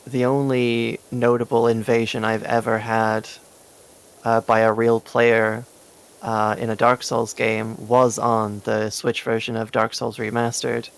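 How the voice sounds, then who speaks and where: A man's voice: medium pitch, little pitch movement, measured pace, vocal fry. A man chatting casually during a game stream, laughing often and rambling through asides. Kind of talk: casual gameplay chat.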